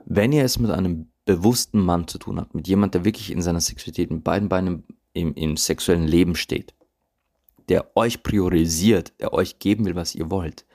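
A man's voice: sits low, moderate pace, darkish tone. A man hosting a podcast monologue as a coach, talking intimately and with emphasis, sometimes dropping to a whisper. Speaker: podcast host and tantra coach. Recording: recorded without usual laptop setup.

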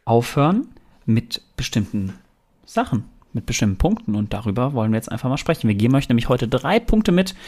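A man's voice: medium pitch, very animated, a little fast, darkish tone. A man co-hosting a podcast, giving earnest, direct motivational advice in a conversational way. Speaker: podcast co-host.

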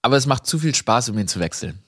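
A young man hosting a podcast, telling a comic story in a lively way, dropping English phrases and laughing at himself. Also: medium pitch, fast, background noise. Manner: animated, mixes in English phrases and laughs at his own story. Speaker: podcast host.

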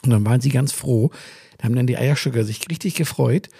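A man's voice: medium pitch, a little fast, creaky, mellow, slightly rough, dry recording, clean studio sound. A man co-hosting a podcast in casual chat, ranting and swearing as he tells a story and acts out what others said. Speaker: podcast co-host.

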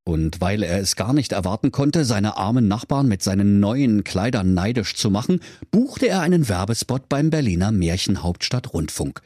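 A man's voice: on the low side, big pitch swings, normal speed, hardly any pauses, a little mellow, no room sound, studio quality. A man narrating a comic fairy tale in a playful, theatrical way. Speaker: storyteller.

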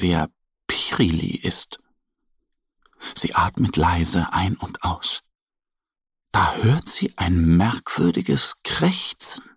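Slow, gravelly storytelling man. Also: lowish voice, no echo, studio quality. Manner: slow, gentle, expressive. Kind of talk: children's story narration.

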